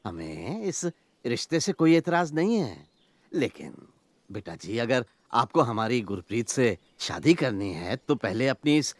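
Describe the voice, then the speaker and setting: A man's voice: medium pitch, sing-song, a little slow, dry recording. An actor playing a stern but dithering middle-aged father questioning his daughter's suitor.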